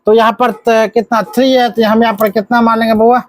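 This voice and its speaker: High-voiced teacher quizzing his class. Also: level tone, brisk, no echo. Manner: coaxing call-and-response, scolding asides. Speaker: math teacher. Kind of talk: live classroom lesson.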